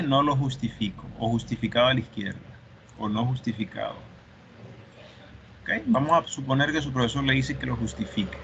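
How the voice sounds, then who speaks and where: A man's voice: medium pitch, bright, forceful tone, highs cut off, a little hiss or hum. A male teacher lecturing an online class, explaining step by step and often checking for understanding.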